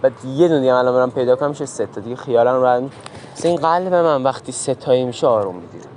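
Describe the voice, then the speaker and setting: A man's voice: mid-range voice, a little mellow. A young man pulling a hidden-camera prank, pestering and pleading theatrically in street chat. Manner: pushy, teasing, theatrical pleading. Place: outdoors in a busy city park. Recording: crowd noise outdoors.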